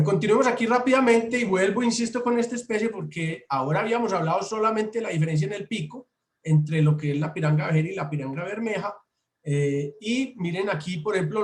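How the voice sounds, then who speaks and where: A man presenting a birding workshop over slides, explaining at length with frequent restarts and repeated words. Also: high-pitched. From Colombia. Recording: roomy echo.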